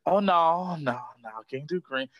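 High-voiced laid-back man, playful. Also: a little slow, muffled recording, crowd noise. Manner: laid-back, playful, many fillers like "you know". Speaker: podcast co-host. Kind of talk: casual chat.

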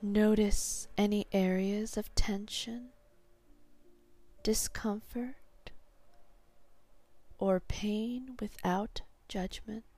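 A woman guiding a hypnosis meditation in a calm, soothing, meditative tone, soft and breathy, sinking toward a whisper at phrase ends. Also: mid-range voice, extremely slow, long pauses. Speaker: hypnotherapy guide.

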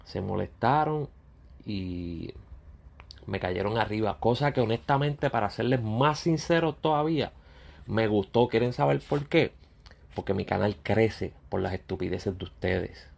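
A man, a YouTuber talking bluntly and confrontationally straight at his critics in a ranting monologue, with a gravelly, husky voice. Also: lowish voice, expressive, a little slow.

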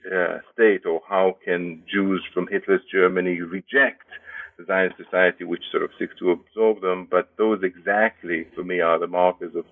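Deep-voiced man on a tinny line. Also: no room sound. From Israel. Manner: thoughtful, many hesitations and restarts. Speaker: guest, history professor. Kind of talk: interview answers. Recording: tinny phone-like line, dry.

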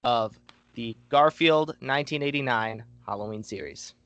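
A man's voice: mid-range voice, normal speed, fairly bright tone, smooth, no echo, dull audio. A man hosting a podcast, chatting casually in a jokey, rambling way and laughing easily. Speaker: podcast host. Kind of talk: casual chat.

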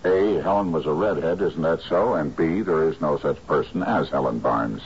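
An actor playing a shrewd private detective in a drama, talking in a dry, deliberate, sardonic way. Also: male voice, extremely low pitch, husky, dull audio, heavily acted. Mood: dry, accusing. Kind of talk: screen drama acting.

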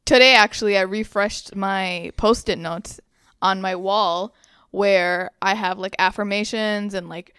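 A woman's voice: medium pitch, steady tone, a little slow, a bit bright, smooth, no echo, studio quality. A young woman in her twenties co-hosting a podcast, talking casually with lots of filler words. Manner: chatty, many fillers. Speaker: podcast co-host. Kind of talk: casual chat.

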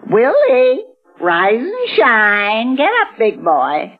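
A woman's voice: fairly high pitch, wildly swooping pitch, extremely slow, exaggerated voice. A woman playing a folksy, protective grandmother in a 1950s radio drama, with a dramatic manner. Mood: coaxing. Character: anxious, chatty Southern grandmother, folksy and protective. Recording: dull vintage radio recording.

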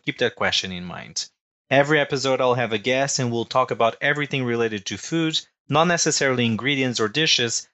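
A man's voice: mid-range voice, sharp tone. A man from Portugal with a Portuguese accent, hosting a podcast interview in an upbeat, friendly way. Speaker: podcast host, chef.

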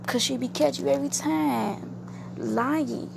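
A woman talks through an album review in relaxed, casual speech, explaining the lyrics line by line. Her voice sits a little high and carries a heavy gravelly fry. A faint hum runs underneath the recording. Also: unhurried. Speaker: music reviewer.

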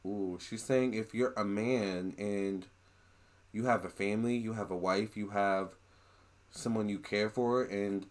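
A man in a casual monologue to camera, relaying a spirit's words in a chatty, animated way with gushing exclamations. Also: lowish voice, measured pace.

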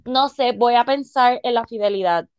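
A woman co-hosts a podcast in an animated, chatty way, dropping English phrases and laughing easily. Her voice sits high, and the recording is dry and a little muffled. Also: normal speed, clear, resonant tone, dry recording. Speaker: podcast co-host. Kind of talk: casual chat.

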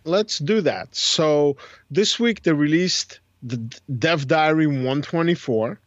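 A slightly high-voiced man talks slowly on a casual podcast about strategy games, where he co-hosts. He explains things at length, thinking aloud and correcting himself often. The audio is dull and has no room sound.

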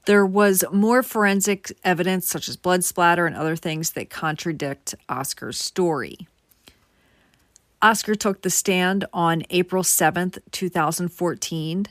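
A woman's voice: on the low side, unhurried, fairly bright tone, dry recording, studio quality. A woman host narrating a true crime case in a casual, conversational way, talking straight to her viewers. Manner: conversational, addresses viewers directly.

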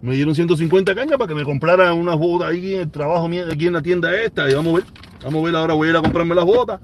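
A man's voice: on the high side, racing, slight background noise. A man in his forties with a Cuban accent, talking casually on a live stream and answering viewer comments, emphatic and prone to repeating himself. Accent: Cuban Spanish. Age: 40s. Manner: emphatic, repeats phrases for weight.

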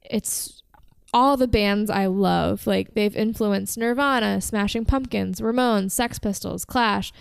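A woman co-hosting a music podcast in casual chat, chatty and enthusiastic, slightly hoarse from talking. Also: mid-range voice, takes it slowly, dry recording. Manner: chatty, filler-heavy, enthusiastic about bands. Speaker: podcast co-host.

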